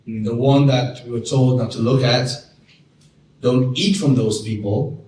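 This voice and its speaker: A Trinidadian man gives a personal talk, telling his story with mounting animation. His voice sits at an ordinary pitch. It comes from some distance in an echoey room, with faint noise underneath. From Trinidad and Tobago. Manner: storytelling, animated when recalling wonder.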